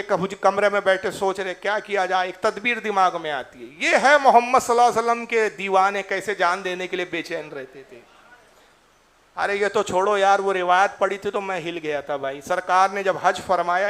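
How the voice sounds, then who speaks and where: A man's voice: high voice, a bit bright. A male preacher telling a religious story in an impassioned sermon, with chatty asides to his listeners.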